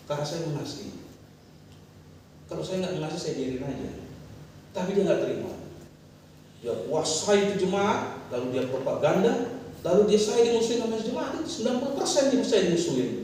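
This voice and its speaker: A man's voice: mid-range voice, slight background noise. Middle-aged man preaching in an echoey hall. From Indonesia. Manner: conversational preaching with anecdotes, rising animated emphasis. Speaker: pastor. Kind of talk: sermon. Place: church hall. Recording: echoey church hall from far off.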